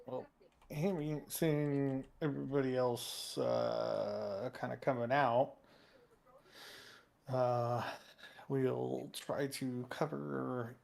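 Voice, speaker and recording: A man playing a tabletop game character, speaking in a slow, halting way with pauses. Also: medium pitch, lively intonation, creaky, darkish tone. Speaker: player.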